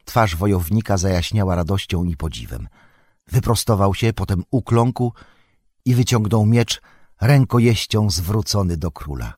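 A man narrating an epic fantasy audiobook in a measured storytelling manner. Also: on the low side, lively intonation, a little mellow, no echo, clean studio sound. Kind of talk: scripted narration.

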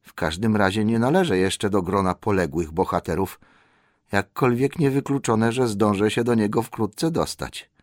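A man's voice: fairly low pitch, normal speed, no echo, studio quality, voice pushed up, close to an everyday voice. A man voicing a small, dazed and wounded male hobbit in a storybook reading, in a raised, strained, plaintive tone. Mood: rueful. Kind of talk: audiobook character voice.

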